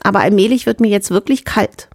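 A woman's voice: mid-range voice, brisk, slightly rough, no room sound, studio quality. A woman reading an audiobook, voicing a weary female deputy commander who sighs and complains. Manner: sighing, complaining. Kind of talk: audiobook character voice.

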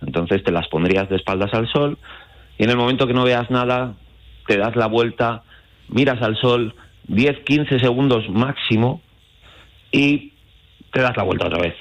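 A mid-range male voice at normal speed, with long pauses, comes through a dull lo-fi phone line. He's an astrotourism guide from Madrid with a central Spanish accent, explaining things step by step as a guest on an informal radio interview.

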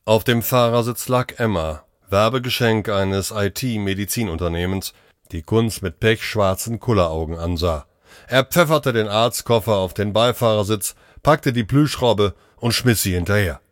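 A man narrating a short story in a measured audiobook reading, close on the mic. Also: on the low side, no echo.

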